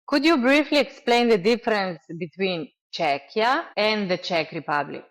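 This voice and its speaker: A woman's voice: medium pitch, lively intonation, normal speed. A woman hosting a podcast interview, asking curious, hedged questions. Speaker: podcast host. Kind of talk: casual interview.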